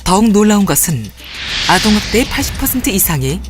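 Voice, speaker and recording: A woman narrating a public campaign video in a calm, earnest, measured way, with music playing behind. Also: mid-range voice. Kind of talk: scripted narration.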